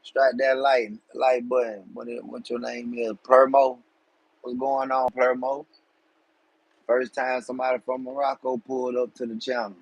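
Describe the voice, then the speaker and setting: A man's voice: medium pitch, flat delivery, moderate pace, slightly rough, no echo, poor audio. A man, hosting a casual live stream and chatting loosely with viewers in streetwise slang. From Georgia, USA. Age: 40s. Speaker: livestream host.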